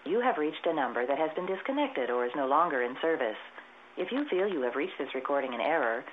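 A woman's voice: low voice, big pitch swings. A woman reading a formal recorded phone message, played back over a telephone line. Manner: slow, evenly paced formal announcement. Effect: recorded intercept message played over a phone line. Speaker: telephone intercept announcer. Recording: tinny phone line with faint hiss.

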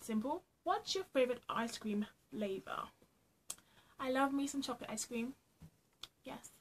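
In a small room at home, a young woman from Trinidad and Tobago answers get-to-know-me questions for her vlog, joking around and laughing frequently in her Trinidadian accent. Her voice is high-pitched with lively intonation, she speaks a little slowly, and a faint hiss or hum is audible.

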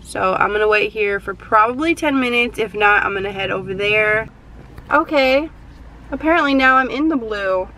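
Sitting in her parked car between delivery orders, a young female vlogger rambles to her viewers in casual chat, peppering it with "like." She speaks at a moderate pace in a mid-range, pushed, bright voice, captured on a low-quality recording.

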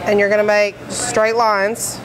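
The recording is low quality, with a crowd audible behind a woman teaching decorating in an indoor commercial kitchen. At a measured pace and medium pitch with little pitch movement, she explains each step plainly and practically, leaning on frequent fillers.

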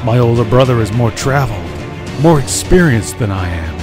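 A man's voice: mid-range voice, animated, moderate pace, close to an everyday voice. Young ninja warrior, read by a man: doubtful, earnest, mid-range voice over music, game story dialogue. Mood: self-doubt.

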